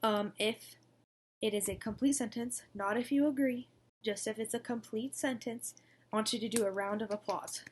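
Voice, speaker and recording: A woman's voice: on the high side, fairly even intonation, moderate pace. A young woman teaching a recorded lesson to second graders, in an upbeat, coaxing manner. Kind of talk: recorded distance-learning lesson.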